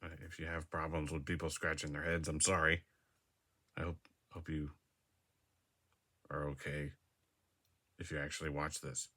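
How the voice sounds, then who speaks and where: A man's voice: extremely low pitch, flat delivery, normal speed, pauses often, bright, forceful tone. A man talking casually to his device camera in a room, rambling and hesitant with many fillers and restarts, often laughing at himself. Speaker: vlogger. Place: a room indoors. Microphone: device camera mic.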